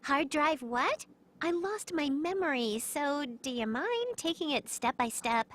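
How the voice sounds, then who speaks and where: Plucky anime game girl: high, animated, playful and cheeky, unhurried pace. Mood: perky, confused. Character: bubbly, goofy, brave young girl heroine. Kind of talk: anime-style game voice acting.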